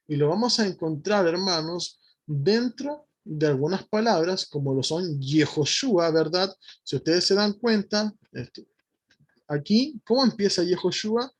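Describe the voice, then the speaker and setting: A man's voice: high voice, animated, a little slow, husky. A man teaching a Bible lesson to his congregation, methodically spelling out letters and often checking in with his listeners.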